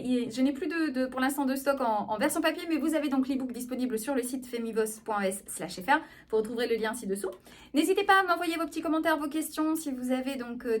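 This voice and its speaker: A woman with a somewhat high voice explains vocal registers in a video lesson. She teaches with a lively, engaged tone and often pauses to check that her listeners follow. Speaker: speech therapist.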